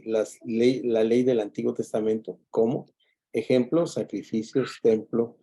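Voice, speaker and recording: A man lectures a Bible class in a very dark, mellow voice. He explains patiently, circling back to repeat his key points and often breaking off mid-word to restart. His pitch sits in an ordinary middle register. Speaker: Bible teacher.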